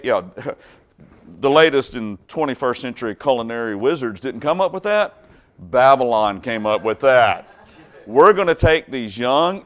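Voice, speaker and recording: Folksy man teaching a Bible class. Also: medium pitch. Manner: folksy, chatty, with jokes and asides to the class; wide swings in loudness, from loud bursts to quiet stretches.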